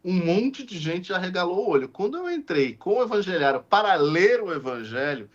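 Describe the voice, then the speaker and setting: A man's voice: high-pitched, moderate pace. A man, a deacon and podcast guest, telling a story in casual conversation and acting out the dialogue with many restarts. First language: Portuguese. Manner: animated, acts out quoted dialogue, frequent restarts. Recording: slightly muffled lo-fi audio.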